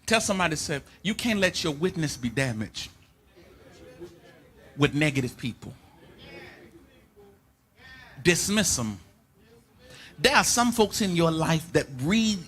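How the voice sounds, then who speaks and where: A male pastor, preaching a sermon in a church in a sing-song cadence that builds into shouted, chanted lines, repeating phrases for the congregation to answer. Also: on the high side, expressive, a little slow, long pauses. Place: church sanctuary.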